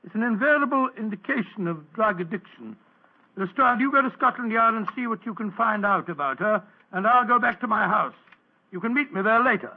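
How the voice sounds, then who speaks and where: An actor playing an earnest, self-important older British gentleman doctor with a stammering, bumbling manner, in 1940s radio drama style. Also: high voice, animated, fairly quick, a little hiss or hum. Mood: confident, earnest. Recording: muffled, lo-fi old radio recording.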